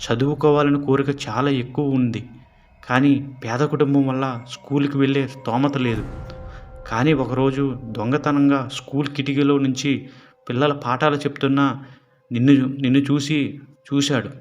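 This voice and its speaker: A man narrating a horror story in a steady storytelling manner. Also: medium pitch, moderate pace, muffled recording, soft background music.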